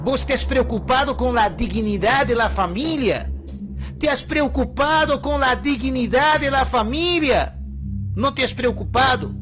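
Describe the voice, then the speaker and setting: A man's voice: very high-pitched, unhurried, fairly bright tone, soft background music, voice pushed up. A man voicing a strict, furious middle-aged father who scolds his daughter and makes threats.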